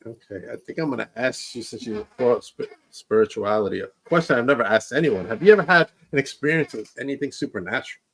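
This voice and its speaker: A man hosting a podcast interview, answering with quick okays and all-rights and often repeating himself. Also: mid-range voice, expressive, fairly bright tone. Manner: short affirmations, repeats himself, laughs along. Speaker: podcast host. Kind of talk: casual interview.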